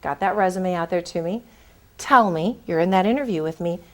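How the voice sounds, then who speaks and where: A woman's voice: on the low side, fairly quick, fairly bright tone. A woman recruiter giving career advice in a conversational, emphatic way, speaking directly to her listeners. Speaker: corporate recruiter.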